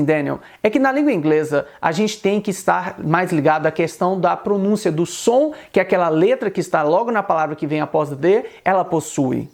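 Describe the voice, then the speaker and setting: A man with a Brazilian Portuguese accent giving a video lesson on English, patient and repetitive, saying English example words slowly and carefully. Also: sits high. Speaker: English teacher.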